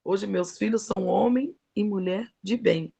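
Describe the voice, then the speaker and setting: A woman's voice: medium pitch, measured pace, vocal fry, dark tone, slightly rough. A middle-aged woman preaching a devotional sermon, with emphatic, folksy storytelling.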